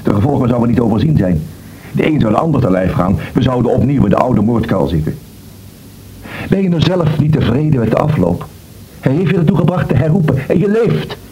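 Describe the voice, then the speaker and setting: An actor playing an earnest friend who reasons with a doubter and warns him, in a radio drama. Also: male voice, mid-range voice, sing-song, fairly quick, warm tone, a little hiss or hum, close to an everyday voice, poor audio. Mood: reasoning. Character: earnest man warning his doubting friend.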